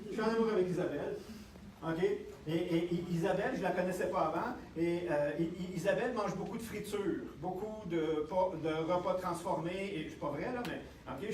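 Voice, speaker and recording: High-voiced man with a Quebec accent. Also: a little hiss or hum. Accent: Quebec French. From Canada. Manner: lively, checks in with the audience constantly. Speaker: health speaker. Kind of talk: live seminar talk to an audience. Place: lecture room with audience. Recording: echoey room, distant mic, faint ambience.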